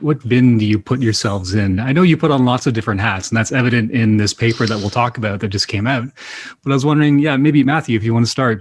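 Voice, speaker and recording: A man hosts a science podcast in a mid-range voice, introducing the episode and asking measured, curious questions. The sound is dry and close, with no room around it. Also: mid-range voice, no room sound. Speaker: podcast host. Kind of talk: podcast hosting.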